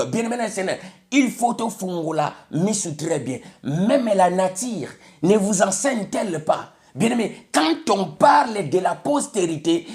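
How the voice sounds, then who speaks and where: A Congolese man with a Congolese French accent preaches an emphatic sermon, switching between French and Lingala and repeating "bien aimé le Seigneur" again and again. His voice is high-pitched with a darkish tone.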